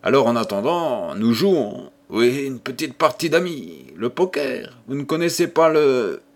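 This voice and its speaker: A man's voice: mid-range voice, sing-song, a little slow. A man doing a flippant gambler. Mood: breezy.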